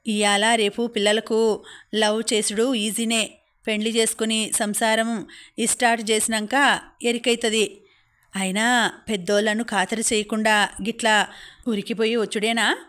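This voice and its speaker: A woman's voice: on the high side, flat delivery, measured pace, long pauses, fairly bright tone. A woman voicing a stern older village man who scolds with blunt questions, speaking with a Telangana accent in an audiobook reading. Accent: Telangana Telugu.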